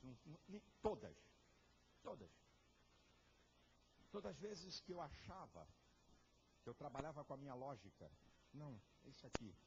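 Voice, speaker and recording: Brazilian pastor guy preaching loud, big swings in pitch, muffled noisy church recording. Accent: Brazilian Portuguese. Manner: fiery preaching, swinging from shouts to low confiding talk. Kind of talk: sermon. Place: large church hall.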